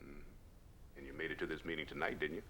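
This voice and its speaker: An actor playing a male counselor who leads a veterans' group, speaking in a steady, reassuring, gently probing way. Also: a bass voice, fast, creaky, slight background noise, full character voice.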